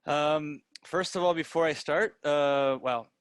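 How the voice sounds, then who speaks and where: A man from Peru raised in the United States speaks with an American accent as a guest presenter and digital marketer in an informal online presentation. His voice is a little high, clear and resonant, and he takes it slowly, often tagging statements with "right?" in a dry recording.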